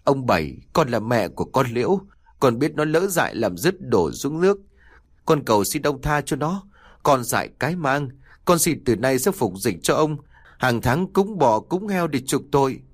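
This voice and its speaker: A man's voice: medium pitch, sing-song, moderate pace, no echo, clean studio sound. A man voicing a frantic, tearful middle-aged mother pleading for her daughter.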